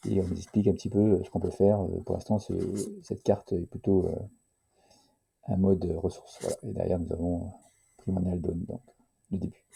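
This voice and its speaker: A man presenting a casual board game tutorial, hesitant and full of filler pauses, at times reading the game's text aloud. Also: sits low, flat delivery, creaky, dark tone, husky.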